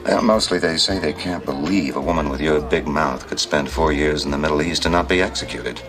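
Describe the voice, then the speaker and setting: An actor playing a smooth, coaxing divorced man trying to win back an old love. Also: a bass voice, brisk. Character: smooth-talking divorced ex-lover. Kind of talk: sitcom acting. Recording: music playing underneath.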